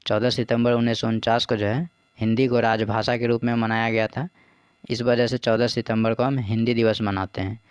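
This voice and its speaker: A man's voice: mid-range voice, flat delivery, moderate pace, clean tone, dry recording. A man patiently explaining practice exam questions as a teacher. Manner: patient, repeats "ठीक है" and "देखिए".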